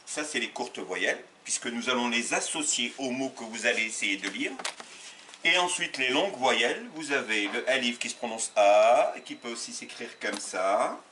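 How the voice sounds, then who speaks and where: A man teaching a beginners' language lesson, patient and methodical, repeating sounds slowly and correcting himself as he goes. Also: mid-range voice, sharp tone, recorded from a distance, slight background noise. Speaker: Arabic teacher. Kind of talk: step-by-step lesson for learners.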